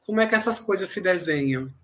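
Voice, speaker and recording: Man, mediator, high voice, long winding questions, video call. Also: animated, fast, bright, forceful tone. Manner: asks long questions, relays audience questions. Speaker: panel mediator. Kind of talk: live online panel talk.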